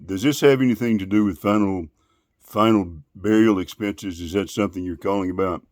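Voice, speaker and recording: A man in casual phone conversation, asking questions in a polite, deliberate, long-winded way. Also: lowish voice, darkish tone, no room sound, studio quality. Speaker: call recipient.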